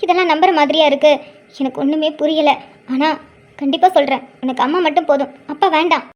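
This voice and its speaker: Woman voicing a young mother, cartoon drama, tearful, pleading, resolute, high voice. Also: steady tone, fast, a little mellow, lo-fi sound, close to an everyday voice.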